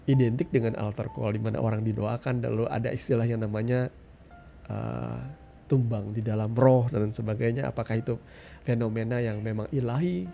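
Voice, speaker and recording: A middle-aged man preaches his testimony in an earnest, direct way, often turning to address the listeners. His voice is gravelly and warm. Soft music plays faintly behind him. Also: medium pitch. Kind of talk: testimony sermon.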